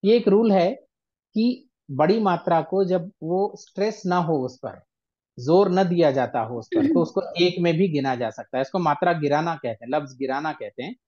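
A man's voice: on the high side, normal speed, a little mellow, lo-fi sound. Man patiently counting out verse syllables. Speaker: ghazal teacher. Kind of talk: online workshop lesson.

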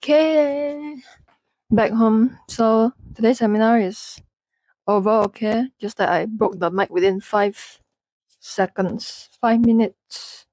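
A woman's voice: on the high side, slow, a little mellow, dry recording, poor audio. A woman in her thirties with a Singaporean English accent, chatting casually on her vlog on a lapel mic in an office. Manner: chatty, self-mocking, speeds up in bursts. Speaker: trading educator. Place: office with bookshelves, indoors.

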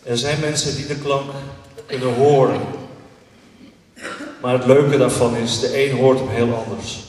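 A man calmly guiding a group through mantra singing, in a slow, measured, soft way. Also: medium pitch. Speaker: meditation leader. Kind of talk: calm spoken guidance. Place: large hall, in a group. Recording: echoey hall, mic far off.

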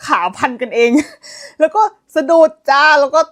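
A young woman retelling a romance novel in a chatty, gossipy way, excitable and teasing, with frequent laughs and squeals. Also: sits high, normal speed. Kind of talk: chatty gossip-style storytelling.

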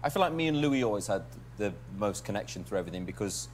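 A man's voice: on the low side, animated, a little mellow, slight background noise. A man telling stories candidly in an interview. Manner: candid, quick storytelling. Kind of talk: casual interview talk.

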